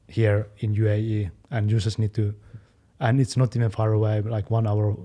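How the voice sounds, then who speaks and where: A young man chatting casually as a fitness channel co-host, talking quickly and loosely, with many fillers. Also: on the low side, mellow. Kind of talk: casual chat.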